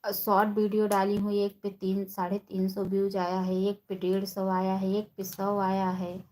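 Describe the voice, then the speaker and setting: A woman hosting a casual live stream, chatting with viewers by name and speaking softly and slowly on a phone. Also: mid-range voice, completely flat delivery, low-quality recording. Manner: talks softly and slowly, holding her voice down.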